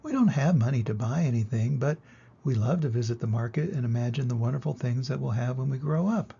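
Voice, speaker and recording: An older man with a husky grandpa voice voicing a poor, kind, hopeful young village girl in a children's storybook. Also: mid-range voice, fairly quick, warm tone, highs cut off. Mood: friendly, earnest.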